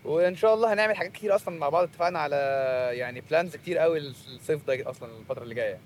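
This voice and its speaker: A man's voice: a little high, rapid-fire, a little hiss or hum. A man with an Egyptian accent in a comic sketch, talking in a gushing, pushy way and repeating himself over and over. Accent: Egyptian Arabic. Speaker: overeager stranger in a comedy sketch.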